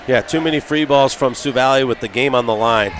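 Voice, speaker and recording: A man of medium pitch gives measured color commentary in a school gym, working through stats in a steady way. Faint noise runs behind his voice. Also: a faint crowd. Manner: steady, reads stats methodically.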